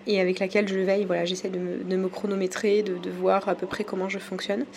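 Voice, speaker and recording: A woman from France talks through her own podcast episode in a casual, halting way, often pausing with fillers. Her pitch sits in a middle range. Faint ambient noise hums behind her. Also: flat delivery, vocal fry, darkish tone. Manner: hesitant, many pauses and fillers. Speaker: podcast host. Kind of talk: casual solo podcast talk.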